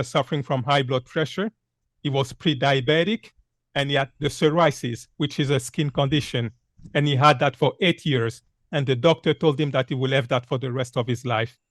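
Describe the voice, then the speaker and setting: An earnest man in his fifties, from Congo, talks to a group about his own experience. He repeats key points and pauses often on "uh". His voice is of middle pitch and the sound is dry with no room echo. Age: 50s. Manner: earnest, repetitive, many "uh" fillers. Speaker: speaker giving a health talk. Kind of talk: public talk with slides.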